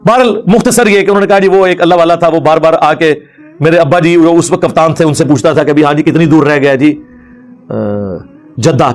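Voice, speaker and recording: A man's voice: a little high, darkish tone. A man giving a religious lecture, mocking his opponents and laughing as he argues. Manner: mocking, laughs while arguing. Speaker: Islamic scholar.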